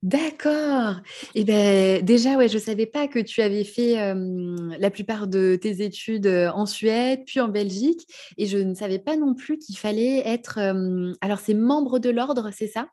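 A woman's voice: medium pitch, unhurried, mellow. A woman who is a speech therapist hosts a podcast interview, asking questions and answering with short, friendly affirmations.

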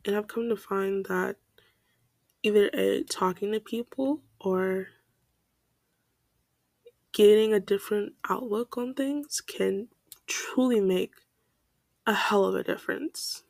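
Young woman, home podcast host: scattered rambling, laughing often, stuffy nose, slight vocal fry, dry close mic. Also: medium pitch, measured pace, long pauses, a little mellow, no echo. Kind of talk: casual rambling monologue. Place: bedroom.

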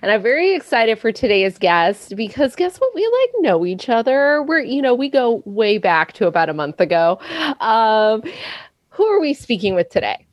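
A woman's voice: on the high side, big pitch swings, moderate pace, no room sound. A woman hosting a podcast in a chatty, giggly, playful way. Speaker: podcast host. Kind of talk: casual chat.

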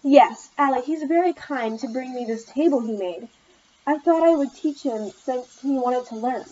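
A woman reading the part of a kind, busy female sign-language teacher, in a gentle, patient manner. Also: sits high, moderate pace, dull audio.

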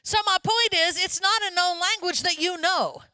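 Bright, high-voiced woman preaching. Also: normal speed, no room sound. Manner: lively, conversational preaching with asides to the congregation. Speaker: pastor. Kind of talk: sermon.

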